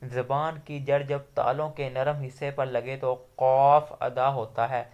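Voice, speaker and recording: Male recitation teacher with a Pakistani Urdu accent, smooth clear voice, mid pitch, patient step-by-step explanation. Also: level tone, lo-fi sound. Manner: patient, explains letter sounds step by step, drawing out example letters. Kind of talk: slow explanatory lesson.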